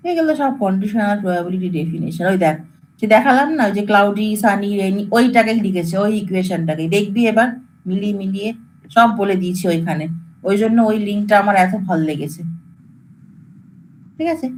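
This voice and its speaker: A woman's voice: mid-range voice, fairly quick, a little hiss or hum, poor audio. Casual woman lecturer. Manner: casual, coaxing, addresses students familiarly. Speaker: computer science lecturer. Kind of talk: informal classroom lecture.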